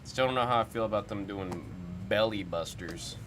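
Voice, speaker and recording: A young man hosts a card-break stream with music playing, casually reacting to viewer comments and puzzling over them aloud. He talks at normal speed in a voice on the low side.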